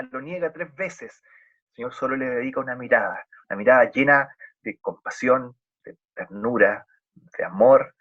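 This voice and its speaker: A man with a Chilean Spanish accent preaching an earnest, emphatic sermon with dramatic pauses. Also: medium pitch, fairly bright tone, slightly rough. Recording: dull lo-fi recording.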